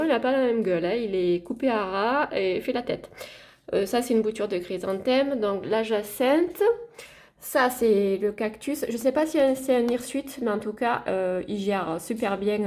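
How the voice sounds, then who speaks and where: A woman's voice: on the high side, darkish tone. A woman chatting casually in a home vlog, showing her plants to viewers. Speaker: gardening vlogger. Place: at home by a window.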